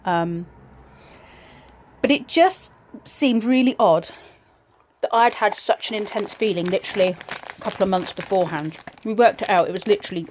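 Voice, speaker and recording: A woman casually telling a personal ghost story in a reflective, slightly hesitant way, pausing between short phrases. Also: mid-range voice, a little hiss or hum.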